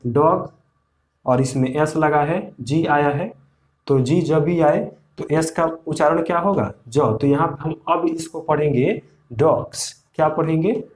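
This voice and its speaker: A man teaching an English pronunciation lesson, slowly repeating rules and asking the viewers questions. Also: fairly high pitch, darkish tone. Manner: slow, repeats rules and asks the class questions.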